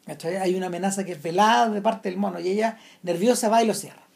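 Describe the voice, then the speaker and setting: Chilean woman, casual film chat, mellow tone, halting delivery with restarts. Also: mid-range voice, gravelly. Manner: hesitant, many restarts. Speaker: film commentator.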